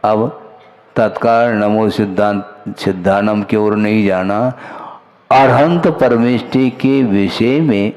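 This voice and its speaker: Man, monk's sermon, gravelly voice, unhurried delivery, asks and answers his own questions. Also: fairly low pitch, darkish tone. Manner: measured, rhetorical questions voiced for listeners. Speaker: Jain monk.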